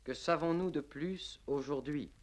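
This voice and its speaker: A man's voice: fairly high pitch, measured pace. A man co-narrating a radio programme from a formal script, on old worn tape.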